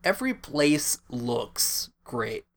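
A man's voice: mid-range voice, big pitch swings, slow, gravelly. A man co-hosting a podcast, chatting casually about a film in a rambling way, with frequent restarts. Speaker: podcast co-host.

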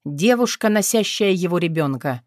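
A woman narrating an audiobook in a dramatic, even reading. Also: fairly low pitch, moderate pace, no echo, clean studio sound. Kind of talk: scripted narration.

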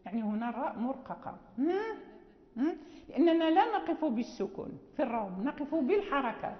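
A woman teaching the rules of Quran recitation in an explanatory lesson. She often checks in with her listeners with a quick "hm?" and goes over each point slowly, one step at a time. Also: sits high, animated. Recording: dull, echoey hall recording.

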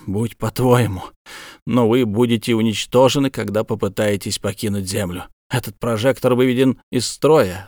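A man's voice: medium pitch, no room sound, studio quality, close to an everyday voice. A man voicing a stern, insistent official in an audiobook, pressing with hard questions.

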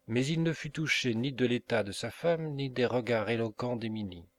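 A man narrating a novel as an audiobook reader, measured and unhurried with pauses. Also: medium pitch.

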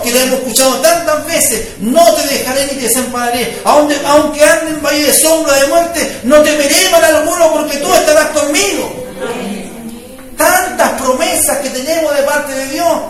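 Male pastor, very high voice, preaching from a distance in a booming reverberant hall. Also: moderate pace, a crowd in the background. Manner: conversational preaching with rising fervor, frequent "¿me entiende?". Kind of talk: sermon. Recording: echoey room, voice from far off mic.

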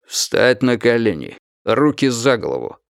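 A man voicing a calm, powerful corporal who speaks low, quietly and unhurriedly. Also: slow pace, gravelly, no room sound, studio quality, full character voice. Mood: calm menace. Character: calm, powerful male corporal, mysterious soldier.

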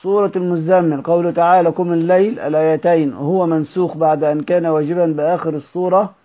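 Higher-voiced man reading a classical text over thin audio. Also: steady tone. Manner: measured reading, stressing each verse heading, with small restarts. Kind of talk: reading a classical text aloud with brief explanatory asides. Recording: narrow phone-like audio.

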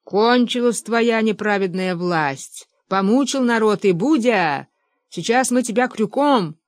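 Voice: medium pitch, lively intonation, measured pace, no room sound, natural voice. An audiobook reader voicing a bossy older man who blusters and gives orders, close to the reader's own voice. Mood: blustering. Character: bossy older man, rebel father-in-law.

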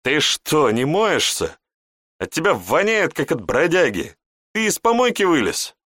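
A man's voice: lowish voice, slow, fairly bright tone, slightly rough, dry recording, clean studio sound, full character voice. A man voicing a scornful, surly young woman who speaks with contempt. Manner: contemptuous, sneering.

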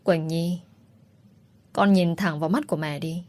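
A woman's voice: lowish voice, steady tone, measured pace, lightly acted. A woman doing a tender, protective middle-aged mother. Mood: pleading. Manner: pleading, emotional, soft-spoken.

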